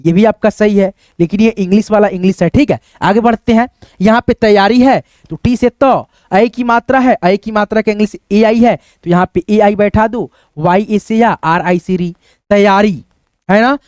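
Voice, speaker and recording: A man's voice: sits high, moderate pace, darkish tone, dry recording, studio quality. A male teacher giving a patient, step-by-step spelling lesson, checking in often with his students as he writes and explains. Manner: patient, repeats "ok" and "friends" as he goes; thinks aloud while writing on a board or screen. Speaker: English teacher.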